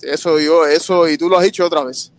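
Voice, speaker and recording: High-voiced man pressing a question. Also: fairly even intonation, fairly quick, no echo. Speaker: caller on a live stream. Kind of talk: casual call-in debate.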